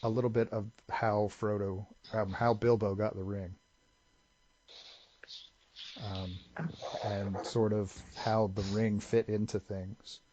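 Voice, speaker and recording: On a casual podcast, a male co-host rambles through lore explanations at length, drifting into tangents. He speaks low and mellow with little pitch movement, slowly and with long pauses. The lo-fi audio is slightly dull with faint hiss.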